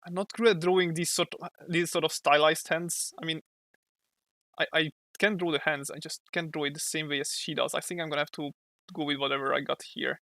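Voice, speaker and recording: A man's voice: a little high, steady tone, brisk, bright, forceful tone, dry recording. A young man from Hungary with a Hungarian accent, chatting casually on a livestream while he draws, thinking aloud and sometimes searching for English words. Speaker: streamer and comic artist.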